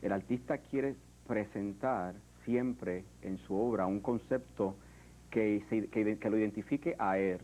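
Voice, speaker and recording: A Puerto Rican sculptor in an interview, speaking in a reflective, hesitant way with many fillers and restarts. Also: male voice, fairly low pitch, unhurried, mellow, slight background noise, poor audio. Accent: Puerto Rican Spanish. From Puerto Rico. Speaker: artist, sculptor. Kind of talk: interview conversation.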